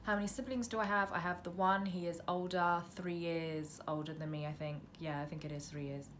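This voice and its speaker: Her register is low, her intonation fairly even, her delivery fairly quick and her tone fairly bright: a mid-twenties British vlogger doing a relaxed, self-deprecating chat and Q&A to camera. She's in her bedroom by a window onto a busy road, the camera on the sill about arm's length away, with light road noise and passing traffic making it noisy.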